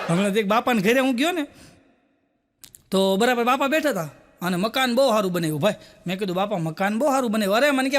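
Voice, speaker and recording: A man's voice: very high voice, a bit bright. A male comedian with a Gujarati accent, telling jokes as stories and voicing the people in them. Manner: storytelling with voiced quotes of characters. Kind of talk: stand-up joke telling. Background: audience laughter.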